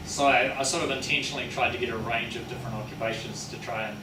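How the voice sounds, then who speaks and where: A fast-talking man with a New Zealand accent and a medium, fairly even-toned voice gives an informal indoor talk about his research and book, taking audience questions. Matey and colloquial like a working-class tradesman, he rambles and corrects himself. Echo, distance from the mic and clear noise affect the audio.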